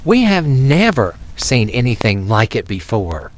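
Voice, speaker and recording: A man voicing a timid, mischievous, excitable monkey in a storybook tale. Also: medium pitch, unhurried. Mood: excited, scared.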